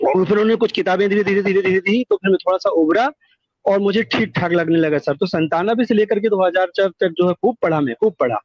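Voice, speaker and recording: Over the phone, a middle-aged call-in guest recounts his life in a fast, high-sitting voice, earnest and wordy with emphatic repetition. The call recording is dull and lo-fi, without room sound.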